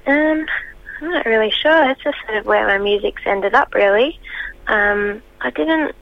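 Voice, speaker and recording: A woman's voice: a little high, measured pace, dry recording. A woman touring as a singer, talking over the phone in a casual interview, hesitant with many ums and restarts. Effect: heard over the phone. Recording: muffled dry phone line.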